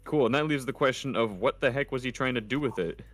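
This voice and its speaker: A man's voice: medium pitch, fast talker, no room sound, soft background music. A man reading game dialogue dryly while playing on a livestream with friends. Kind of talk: casual livestream play with friends.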